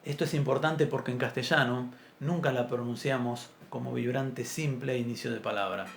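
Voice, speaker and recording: A man teaching an introductory Biblical Hebrew class, explaining patiently and clearing his throat often. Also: medium pitch, steady tone, normal speed. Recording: roomy echo, faint background noise.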